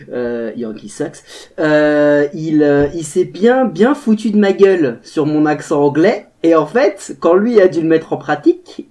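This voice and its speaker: A man's voice: a little high, dark tone. A man co-hosting a podcast, joking and teasing the guest, sometimes in a mock-formal voice. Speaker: podcast co-host. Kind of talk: casual chat.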